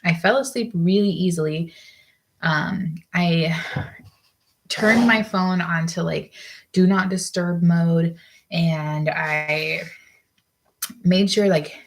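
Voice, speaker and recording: Gravelly, breathless young woman chatting while sewing. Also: fairly low pitch, poor audio. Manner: rambling, chatty, many fillers. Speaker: sewing vlogger. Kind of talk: casual work-along chat.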